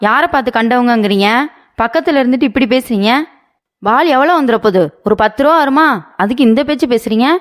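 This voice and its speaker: A woman's voice: on the high side, quick pace, lightly acted. A woman voicing a mother in a cartoon story who argues indignantly with a neighbour to defend her son. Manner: indignant, argumentative.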